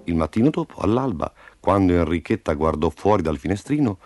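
A man narrating a children's storybook with expressive storytelling. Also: sits low, a little fast, over loud music. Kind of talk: storybook reading.

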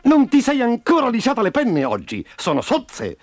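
A man voicing a bossy, strutting male rooster drill sergeant, barking shrill orders in a storybook reading. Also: sing-song, moderate pace, warm tone, soft background music.

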